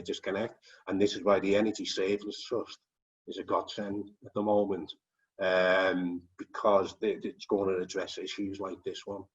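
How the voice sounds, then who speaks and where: Jokey low-voiced man chairing a call. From England. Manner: chatty, jokey, full of ums. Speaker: forum chair. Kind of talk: online meeting chat. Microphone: video call. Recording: distant, dull video call audio.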